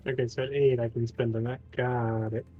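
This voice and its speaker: A man's voice: medium pitch, level tone, brisk. A man joking along while playing a game with friends. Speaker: co-player. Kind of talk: casual gameplay chat. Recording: dull lo-fi mic.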